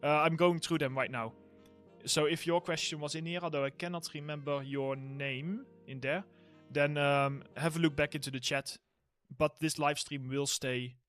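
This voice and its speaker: A man with a Dutch accent chats through viewer questions on a relaxed livestream, his voice sitting at an everyday middle pitch. He rambles and restarts easily, his throat starting to sound a bit worn. Faint music plays softly behind him. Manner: reads chat questions aloud and answers loosely, with fillers and laughs. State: throat getting sore from talking. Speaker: livestream host, environment art tutor. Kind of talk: casual Q&A livestream.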